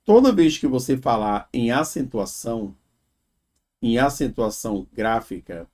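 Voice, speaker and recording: A man's voice: mid-range voice, lively intonation, a little mellow. A man teaching an exam prep grammar lesson, explaining step by step and checking in with "né?" and "tá?". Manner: explains slowly, drawing out example words, frequent "né?" and "tá?".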